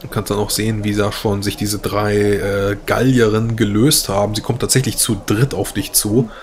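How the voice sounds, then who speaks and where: Hesitant German game master, low voice. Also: male voice, little pitch movement, moderate pace. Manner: hesitant, many fillers. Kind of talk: narrating a tabletop game.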